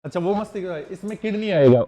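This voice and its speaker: A teacher with a high-pitched, warm voice runs a live online exam-prep class, talking fast and expressively. He quizzes students with repeated questions, calls them "beta," and uses playful wordplay mnemonics.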